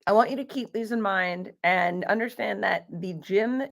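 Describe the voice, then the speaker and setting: A woman's voice: mid-range voice, moderate pace, vocal fry. A woman co-owner hosting a casual live stream, chatty and greeting viewers, with a slight lisp from her aligners. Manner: chatty, laughs often, greets viewers by name.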